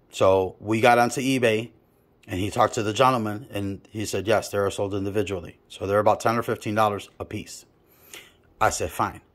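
A man's voice: medium pitch, a bit bright. A man who installs car audio, explaining wiring and telling a customer story in a blunt, profane, casual way.

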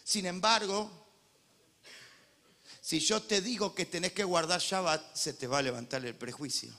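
A man with a Rioplatense Argentine accent preaching a sermon as pastor, joking, animated, and swinging from loud preaching to quiet asides. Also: high-pitched, a little slow. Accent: Rioplatense Spanish.

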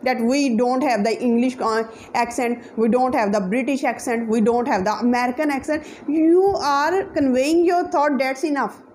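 A young woman, an English teacher with a Pakistani accent whose native language is Punjabi, sits on an indoor sofa and delivers an earnest, emphatic motivational talk to camera with plenty of hand gestures. Her high, darkish voice keeps fairly even intonation at a moderate pace, with hardly any pauses. A little hiss or hum is present.

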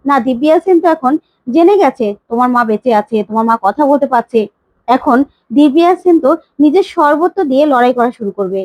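A woman's voice: high voice, expressive, brisk, darkish tone, no room sound. A woman voicing a sly young woman who needles with pointed questions. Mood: taunting. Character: young woman who turns against the family, taunting.

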